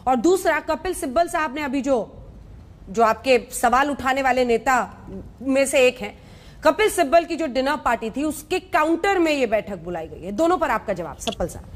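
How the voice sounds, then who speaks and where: A woman news anchor moderating a TV debate, brisk and interjecting as she presses guests with questions. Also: high-pitched, animated.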